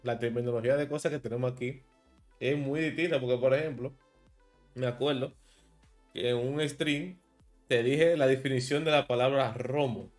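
A man in his thirties from Santo Domingo with a Dominican accent, hosting a relaxed streamed interview and explaining local slang with a laugh. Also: mid-range voice, normal speed, soft background music. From Dominican Republic. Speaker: host.

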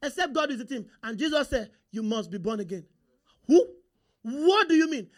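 Preaching with a Nigerian accent, Yoruba being his first language, this man keeps firing questions at the congregation to get their responses and confirmation they understand. He speaks in a fairly high voice at normal speed, with lively intonation, in a call-and-response manner.

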